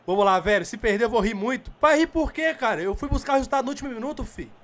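Extremely high-pitched and very fast, this Brazilian man's live gameplay commentary comes through a very noisy recording. He curses and spurs on the players on screen, keeping his excitement from becoming shouting due to the late hour.

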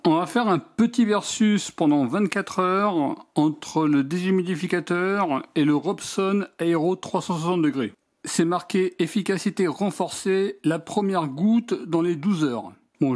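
High-voiced French man demonstrating a gadget. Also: a little slow, a little mellow. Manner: matter-of-fact, reading out measurements step by step. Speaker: DIY product reviewer. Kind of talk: hands-on product demonstration voice-over.

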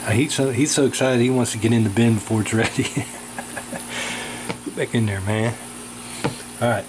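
A man's voice: mid-range voice, steady tone, normal speed, noisy background. A man casually vlogging off the cuff, rambling in a folksy way with lots of fillers, filmed indoors at home on a handheld camera. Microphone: handheld camera mic.

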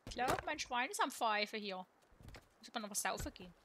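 A woman's voice: fairly high pitch, animated, normal speed, bright, forceful tone, a little hiss or hum. A young woman streaming a game with casual chat in a cute, playful anime-streamer manner, using silly repeated words.

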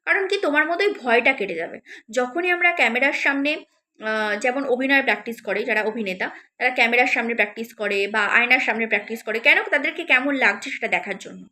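Female tutor, bright forceful tone, coaches students directly, hesitant fillers. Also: on the high side, quick pace. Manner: encouraging, addresses viewers directly with many fillers. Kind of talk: spoken advice lesson to students.

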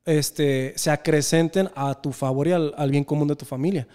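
Mexican man in his thirties, earnest reflective storyteller, slightly high, mellow tone. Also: fairly even intonation, normal speed, smooth. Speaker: podcast guest. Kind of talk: casual conversation.

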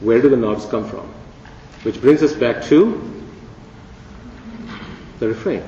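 A man's voice: mid-range voice, slow pace, dark tone, a little hiss or hum. Man, keynote lecture, playful and conversational, distant mic, echoey hall, dull sound. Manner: playful, conversational, asks rhetorical questions. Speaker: keynote speaker. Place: large conference hall.

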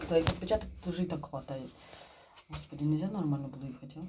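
A woman with a Chernihiv-region Ukrainian accent, mixing in Russian words, chatting jokily into her phone while stuck in a small elevator, swearing and dropping to a hush to listen. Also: low voice, racing, background noise. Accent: Chernihiv-region Ukrainian with Russian-mixed speech. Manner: joking and wry, swears, drops to a hush when listening. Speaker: vlogger filming on her phone. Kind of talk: casual chat.

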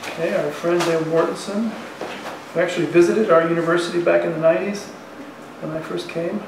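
A sixties-aged economics professor gives an informal, conversational lecture, thinking aloud in a colloquial way in front of a chalkboard. His voice is a little high, creaky and steady, and a little fast. The distant mic picks up an echoey classroom with faint noise.

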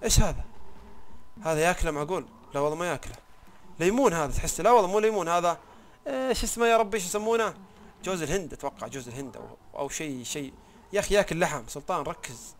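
A young man narrates his gameplay in a rapid, casual stream. His voice sits a little high, and he keeps thinking aloud, breaking off words halfway and picking them up again. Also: expressive, a little hiss or hum. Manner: chatty, thinks aloud, trails off mid-word. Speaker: gaming YouTuber. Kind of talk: gameplay commentary.

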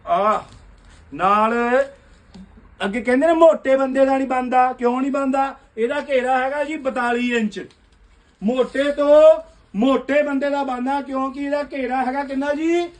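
A man pitches clothes at the top of his lungs, his voice sitting extremely high for a man. He runs a basement clothing shop and hawks prices rapid-fire, as a loud live sales call. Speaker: shopkeeper selling suits.

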